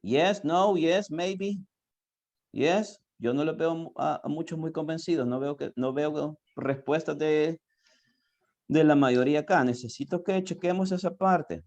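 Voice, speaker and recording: Slow, patient teacher. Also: mid-range voice, a little mellow. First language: Spanish. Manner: repeats words slowly, coaxing students to answer. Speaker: English teacher. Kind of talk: online class, mixing English and Spanish. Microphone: video call.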